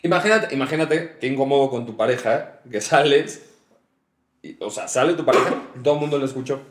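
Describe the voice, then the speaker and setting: A young man with a Mexican Spanish accent tells stories in a laid-back, casual podcast chat. His voice is mid-pitched. It rings in an echoey room. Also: brisk. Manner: laid-back storytelling, frequent laughter. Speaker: podcast co-host.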